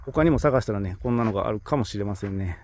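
A man's voice: lowish voice, quick pace, darkish tone, slight background noise. A man with a Kansai accent narrating his own hike in a casual travel vlog, chatty and full of exclamations as he talks to himself, filmed outdoors on a handheld phone. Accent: Kansai Japanese. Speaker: travel vlogger. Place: outdoors on a rocky hillside. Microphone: handheld smartphone.

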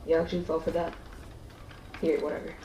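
Low-voiced woman on noisy, echoey game chat. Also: flat delivery, fairly quick, warm tone. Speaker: video game player.

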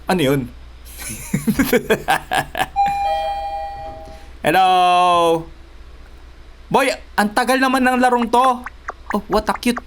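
A man doing let's play commentary, excitable, yelping and shouting in panic, mixing Tagalog and English. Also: very high-pitched, extremely slow, pauses often, noisy background. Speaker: gaming YouTuber.

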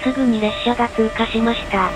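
A woman's voice: a little high, steady tone, a little fast. A woman reading scripted narration for a travel vlog. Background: loud music.

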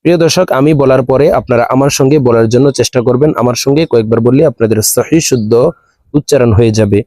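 A man teaching a recorded lesson on letter pronunciation. He repeats each letter slowly so listeners can copy him. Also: mid-range voice, dark tone, dry recording. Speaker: Quran teacher.

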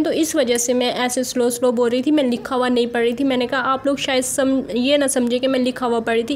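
High-voiced woman teasing in mock outrage. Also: a little mellow. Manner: teasing, mock-indignant questioning; quick chatty sign-off. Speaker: vlogger. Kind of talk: mocking reaction commentary.

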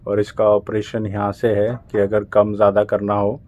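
A man's voice: on the low side, monotone, moderate pace, a little mellow, muffled recording. A young man from India, a cruise ship crew member, casually explaining his small cabin and bathroom step by step while filming on a handheld phone. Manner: explanatory, pointing things out step by step. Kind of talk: casual vlog tour.

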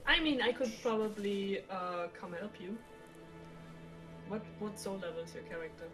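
A woman's voice: mid-range voice, moderate pace. A woman chatting casually while gaming, teasing the others and laughing easily. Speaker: co-host of a game chat. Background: music.

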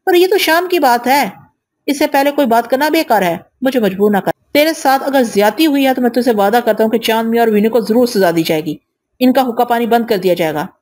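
A coarse, commanding gang boss in an audio novel, read aloud by a woman. He talks down to everyone, gruff and bossy, in a fairly high voice. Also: lively intonation, a little mellow. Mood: domineering.

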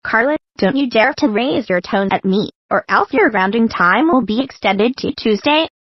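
A female text-to-speech voice playing a stern mother scolding her daughter in an animated video. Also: on the high side, normal speed, slightly rough, no room sound, muffled recording.

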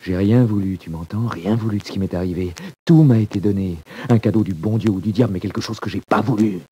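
Hardened convict, 1940s radio drama, very low dark voice, grave, bitter. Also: male voice, fast, husky, no echo. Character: hardened male convict, proud and weary.

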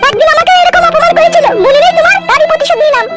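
A woman voicing a bitter, quarrelsome village aunt in a comedy cartoon, screeching and scolding without pause. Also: very high voice, over loud music, pitched above the performer's own voice. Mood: spiteful. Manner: screeching, scolding rapid-fire.

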